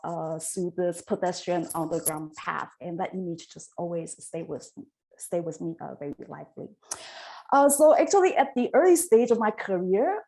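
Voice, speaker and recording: A middle-aged woman, speaking on a panel about her career in a measured way with frequent pauses. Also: medium pitch, mellow, low-quality recording. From Taiwan. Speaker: associate dean and physicist.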